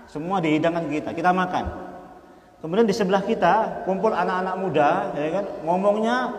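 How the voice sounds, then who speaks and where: A man giving a sermon, asking the audience questions and answering them himself, and reciting Arabic verses slowly. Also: sits high. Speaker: preacher. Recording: echoey hall with long reverb.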